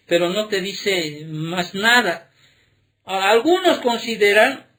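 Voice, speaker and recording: A male pastor preaching a sermon, throwing rhetorical questions at the congregation and checking in with "¿sí?", stressing key words slowly. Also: sits high, pushed and bright. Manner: emphatic, drawn-out key words.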